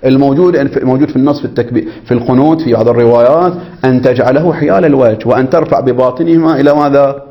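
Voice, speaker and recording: A male teacher leads a jurisprudence lesson at a brisk pace, reading a passage and then unpacking it for his students. He keeps pausing to check that they follow and acts out phrases in several ways to show the difference. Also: medium pitch, lo-fi sound. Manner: explanatory, keeps checking understanding with the class. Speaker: religious teacher.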